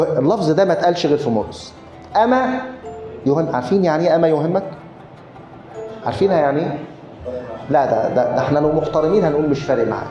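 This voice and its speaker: A man with an Egyptian Arabic accent, a pastor giving a sermon in an animated storytelling way. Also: fairly high pitch, reverberant. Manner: animated storytelling, acting out his own and others' words.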